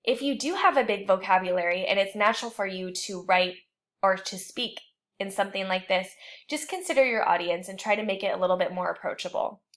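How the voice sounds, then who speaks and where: Woman teacher going over writing tips for her class, clear explainy tone, a bit jokey now and then. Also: medium pitch, fairly quick, a bit bright. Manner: clear, explanatory, lightly joking. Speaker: writing instructor. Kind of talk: recorded online lecture.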